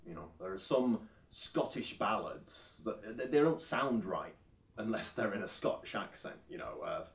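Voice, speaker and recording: With a fairly low, gravelly, expressive voice at normal speed, an actor plays a well-meaning, clueless folk singer rambling through a mockumentary interview. He hesitates a lot and fills pauses with filler sounds, and the audio is roomy and distant.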